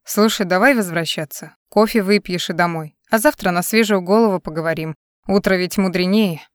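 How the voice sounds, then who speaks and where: A woman's voice: fairly low pitch, a little fast, no echo, clean studio sound, close to an everyday voice. A woman reading an audiobook, voicing a tired, level-headed young male musician who speaks curtly and patiently. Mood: concerned.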